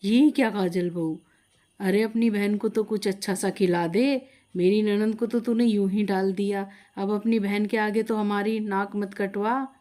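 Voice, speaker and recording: A woman voicing a stern older mother-in-law who scolds, lower and heavier than her narration. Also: a little slow, a little mellow, lightly acted. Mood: scolding.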